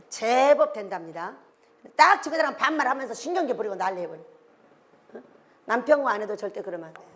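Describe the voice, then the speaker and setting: Older woman, sermon, very lively swooping delivery, exclamatory, rhetorical questions. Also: high-pitched. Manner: animated, exclaiming, firing questions at the congregation. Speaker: preacher.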